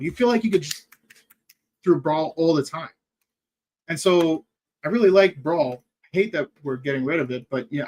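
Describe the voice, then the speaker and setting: A young man streaming a game, chatting casually and thinking aloud as he plays. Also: a little high. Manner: rambling, thinks aloud while playing. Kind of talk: casual gaming stream chat.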